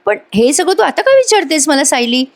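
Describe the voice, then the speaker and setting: A gentle older aunt from a TV serial speaks in a soft, musing way, as a woman recaps the scene. The voice sits a little high, close to the reader's own. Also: sing-song, a little fast.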